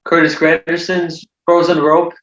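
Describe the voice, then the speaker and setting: A man's voice: fairly high pitch, monotone, unhurried, fairly bright tone. Teasing man in a roomy, dull recording. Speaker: podcast co-host. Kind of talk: casual chat.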